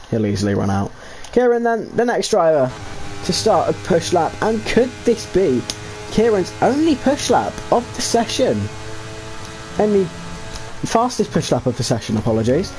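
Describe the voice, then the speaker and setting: Lively, excitable male race commentator. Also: a little high. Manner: excitable, jokey, rambling asides. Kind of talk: live sim racing league commentary.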